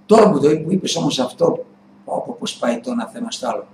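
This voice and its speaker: A man's voice: mid-range voice, animated. A middle-aged man hosting a web TV show, talking heatedly in a casual monologue, swearing and answering viewers. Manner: heated, swearing ranter, mimicking dialogues. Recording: echoey room, faint ambient noise.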